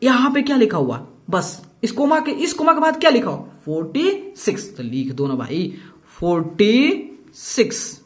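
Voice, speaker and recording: A man's voice: sits high, huge pitch swings, a little slow. A man teaching a math lesson to students. He talks in a coaxing, encouraging way and keeps repeating himself to prompt them. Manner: coaxing and repetitive, calls the viewer "bhai" and "dost"; upbeat and encouraging. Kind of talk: classroom lesson explaining to students.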